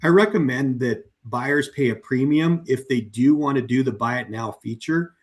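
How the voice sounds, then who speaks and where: Hosting a webinar, a male co-founder gives a relaxed walkthrough of a software demo without rushing. His mid-range voice is turning hoarse after so much speaking, and he fills pauses with ums and you-knows.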